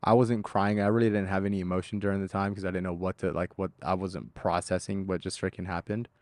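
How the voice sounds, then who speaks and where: A man being interviewed as an eyewitness, speaking in casual slang with halting, repeated and restarted phrases. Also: sits low, flat delivery, a little mellow, dry recording.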